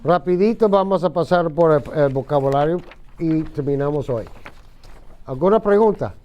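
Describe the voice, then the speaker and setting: A middle-aged man teaching an English vocabulary lesson to a classroom of students, speaking slowly and patiently and repeating words for them to echo back. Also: fairly high pitch, lively intonation, highs cut off. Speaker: ESL teacher.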